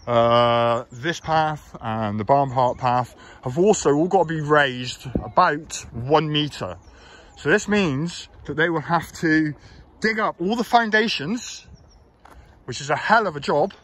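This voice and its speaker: A local election candidate with a fairly bright, high-side voice walks slowly through an outdoor park, explaining and criticising plans in a hesitant tour commentary full of fillers. He films on a phone camera held while walking, with faint background noise outdoors.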